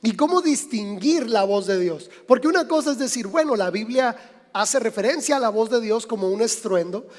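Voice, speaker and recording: A man's voice: extremely high pitch, lively intonation, normal speed. A man with a Mexican accent preaching a sermon as pastor, in a conversational way that speaks straight to the listeners. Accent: Mexican Spanish. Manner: conversational, addresses listeners directly. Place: church sanctuary. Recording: long church reverb.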